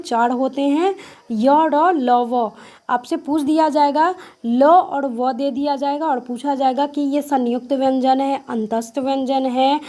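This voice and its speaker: A woman with a high voice teaches an exam-prep grammar lesson. She asks a question, answers it herself, and says each point again, dropping in the odd English word. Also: darkish tone. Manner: mixes English words into explanations.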